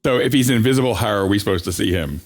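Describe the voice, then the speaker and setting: A man's voice: fairly low pitch, very fast. A man co-hosting a casual comedy podcast, teasing with crude quips. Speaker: podcast co-host. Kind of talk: casual comedic chat in character.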